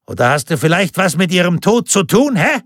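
A shrill scrawny bailiff. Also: male voice, very animated, fairly quick, a bit bright, no echo, studio quality. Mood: sneering. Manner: bullying, sneering. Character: scrawny sniffling male bailiff, spiteful and pompous.

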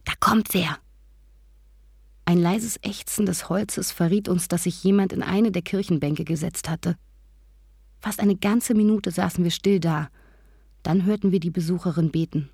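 A woman narrating a first-person story aloud in calm, measured prose. Her voice is lowish and slightly breathy. The recording is dry and close to the mic. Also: no echo. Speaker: audiobook narrator.

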